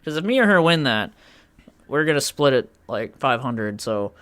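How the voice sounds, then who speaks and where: A man's voice: medium pitch, very animated, normal speed, a bit bright. A young man co-hosting a podcast, telling a story in rambling casual chat with lots of restarts. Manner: rambling, full of fillers and restarts. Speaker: podcast co-host.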